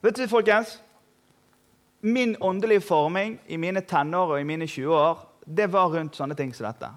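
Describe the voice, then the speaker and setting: A man preaching a sermon in a church, energetic and humorous, rising to emphatic peaks. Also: high voice. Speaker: pastor. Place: church hall.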